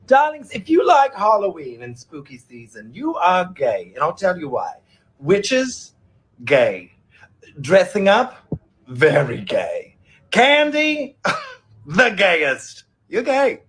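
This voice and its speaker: A man delivers a comic monologue with campy drag queen flair. His voice sits high for a man and leaps about dramatically. He takes his time, drawing words out theatrically. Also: huge pitch swings, slow pace, a bit bright.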